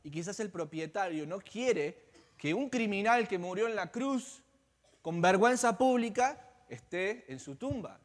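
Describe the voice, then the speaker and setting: A man pastor delivering an Easter sermon as dramatic storytelling, swinging between loud passages and hushed ones. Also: sits high. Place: church sanctuary. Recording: long church-hall reverb.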